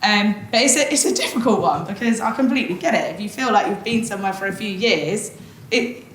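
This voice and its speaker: A woman's voice: medium pitch, animated, fairly quick. A woman on a conference panel, answering a question in a candid, chatty way and laughing easily. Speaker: panelist, SDR manager. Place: conference hall. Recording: echoey event hall with faint noise.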